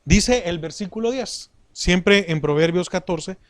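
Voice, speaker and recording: A middle-aged man preaching a sermon in a slow, deliberate way, asking the congregation rhetorical questions. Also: high-pitched.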